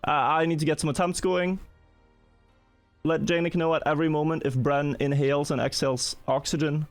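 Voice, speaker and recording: A man's voice: a little high, level tone, brisk, no echo, soft background music. A man hosting a live gaming stream, chatting casually and often repeating words as he talks. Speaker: streamer host.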